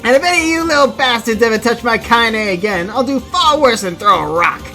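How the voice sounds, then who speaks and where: A woman voicing a small, fierce old grandmother who scolds in a rough country drawl, over faint music. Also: on the high side, animated, a little fast, bright, forceful tone, voice pushed up. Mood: furious.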